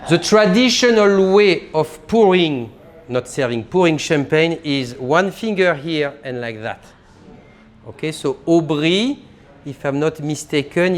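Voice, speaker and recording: Sommelier teaching a tasting. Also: male voice, a little high. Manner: animated, explains while demonstrating. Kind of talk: live tasting class. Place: private tasting room.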